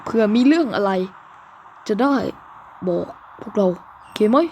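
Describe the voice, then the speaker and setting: A woman's voice: on the high side, animated, a little slow, darkish tone, a little hiss or hum. A woman voicing a bossy male army commander in a game skit, giving orders in an old-fashioned commanding way. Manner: commanding, archaic pronouns.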